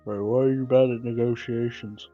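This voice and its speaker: Dude doing a gruff swearing adventurer, husky, muffled audio. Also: male voice, mid-range voice, fairly even intonation, moderate pace, dark tone, faint music behind. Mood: brash. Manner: brash, swearing, exasperated. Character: brash battle-worn male adventurer Abaddon. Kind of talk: tabletop role-play. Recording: dull lo-fi audio.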